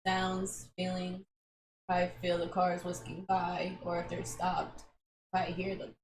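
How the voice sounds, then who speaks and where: A woman co-hosting a casual reaction chat, talking in a relaxed, musing way. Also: on the low side, measured pace. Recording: echoey room with clear background noise.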